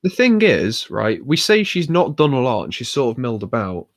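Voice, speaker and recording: A UK man co-hosting a podcast speaks at medium pitch in a sing-song manner and at normal speed. The clean studio sound has no echo, and his casual chat rambles with many fillers and restarts.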